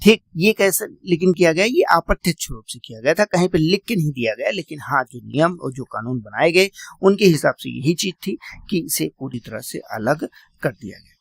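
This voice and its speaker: A man's voice: fairly high pitch, animated, moderate pace, vocal fry, husky, no room sound. A man teaching a classroom lecture, repeating key points, quizzing his students and calling them "beta".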